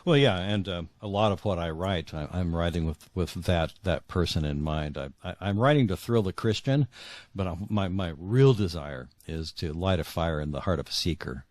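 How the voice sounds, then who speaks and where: A middle-aged author being interviewed tells his personal story reflectively, halting often and repeating words for emphasis as he feels his way forward. His voice sits low and a little mellow, recorded with no echo.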